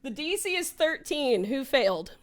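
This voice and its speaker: A woman's voice: sits high, very animated, moderate pace. A young woman running a tabletop role-playing game as game master, narrating dramatically and laughing often.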